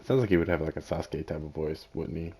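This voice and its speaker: A man's voice: extremely low pitch, steady tone, fast talker, mellow, slight background noise. A young man reading game dialogue aloud during a let's play, joking and stumbling over names while half-heartedly acting out characters. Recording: game music playing behind.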